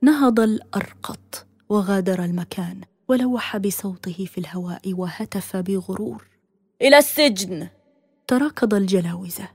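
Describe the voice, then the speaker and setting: Solemn woman narrator, hushed and dry. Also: medium pitch, normal speed, slightly rough, no echo. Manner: solemn, often hushed and near-whispered. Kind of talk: scripted dramatic narration.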